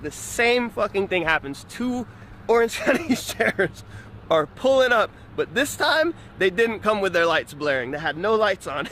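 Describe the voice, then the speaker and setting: A man vlogging, telling a story in a casual, animated way, laughing often and shouting out the lines he quotes. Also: a little hiss or hum. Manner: animated, laughs often, jumps high when quoting friends.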